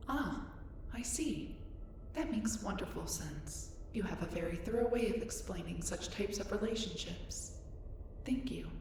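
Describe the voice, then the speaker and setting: A woman with a natural, medium-pitched voice plays a curious, polite young female alien in an audio drama addressed to the listener, speaking at a measured pace but animated. Her scripted phrasing is formal, precise, and reserved. The recording is echoey and distant, with noisy spaceship ambience.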